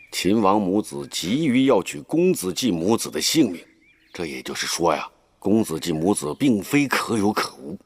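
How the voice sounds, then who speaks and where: An actor playing a calculating older male chancellor in a period TV drama, speaking in a measured, reasoning manner. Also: on the low side, full character voice. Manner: measured and reasoning, turning stern.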